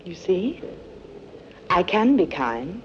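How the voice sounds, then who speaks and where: An actress playing a cruel, commanding woman villain who makes measured, cold threats, in 1960s film acting. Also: lowish voice, very animated, a little mellow, slight background noise. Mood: menacing. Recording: dull old film soundtrack with music.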